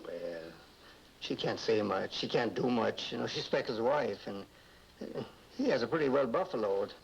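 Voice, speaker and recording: An actor playing an elderly, aggrieved American seafarer with a gravelly voice and a halting, folksy way of talking in a 1950s TV drama. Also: male voice, mid-range voice, expressive. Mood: confiding. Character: wistful, aggrieved old seafaring woodcarver. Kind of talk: 1950s TV detective drama acting. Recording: muffled old TV soundtrack, faint noise.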